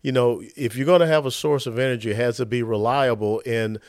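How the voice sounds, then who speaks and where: A man's voice: mid-range voice, steady tone, a little fast, a little mellow, no echo, studio quality. A man with a Southern accent hosting a podcast interview, speaking earnestly and formally. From United States. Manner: earnest, praising, formal sign-offs. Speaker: podcast host.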